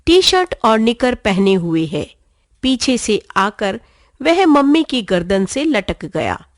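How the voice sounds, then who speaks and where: A woman narrating a children's story in an expressive, clear way. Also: on the high side, takes it slowly, no echo, studio quality.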